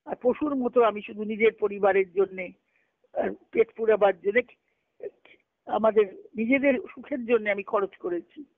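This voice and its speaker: On a group conference call, a spiritual discussion speaker reads letters aloud and explains them in a teaching manner, repeating phrases as she goes. Her mid-range voice moves at a moderate pace with long pauses. The recording is dry, carried over a tinny, band-limited phone line.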